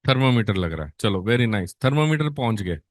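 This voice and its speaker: Hindi-English nursing teacher, close dry mic. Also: male voice, on the low side, sing-song, no room sound. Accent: Indian. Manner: mixes Hindi and English, quizzes students with rhetorical questions; drags out key terms slowly for emphasis. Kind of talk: online exam-prep lecture.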